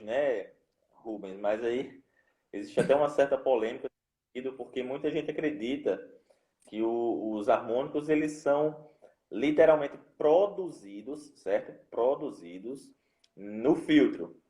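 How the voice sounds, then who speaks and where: A man, a guest speech therapist, explaining in a measured way on a live stream. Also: mid-range voice, warm tone, roomy sound. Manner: measured explanation with hedges and "né?" tags.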